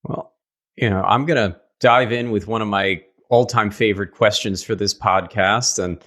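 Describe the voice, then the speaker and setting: A man's voice: fairly low pitch, fairly even intonation, moderate pace, a bit bright. A man with a New York accent hosting a podcast, asking questions in a chatty way with joking asides. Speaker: podcast host. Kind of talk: casual podcast interviewing.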